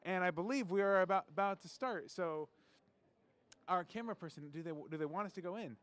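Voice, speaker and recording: A man's voice: high-pitched, brisk, a bit bright, clean tone. A man hosting a live show, reporting from a school showcase with enthusiastic, stumbling talk.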